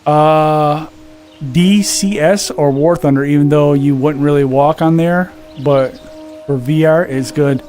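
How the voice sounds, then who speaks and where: In an unhurried, slightly mellow voice on the high side, with fairly even intonation, a man chats casually on a live gaming stream. He's out of breath from walking a VR treadmill at home and reads viewer comments aloud before answering them, soft music in the background.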